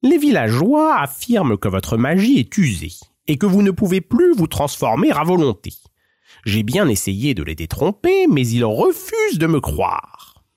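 Man voicing a sly flattering talking cat. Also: fairly high pitch, unhurried, dry recording, studio quality, voice pushed up, heavily acted. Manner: courtly, flattering, fawning.

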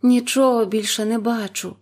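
A woman voicing a young sister in a storybook, answering calmly and slowly. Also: fairly high pitch, voice pushed up, close to an everyday voice.

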